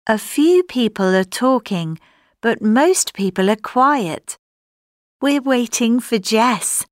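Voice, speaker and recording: A woman reading a scripted textbook passage for a language course, slow, clear and expressive. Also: a little high, no echo, studio quality. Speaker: textbook audio reader.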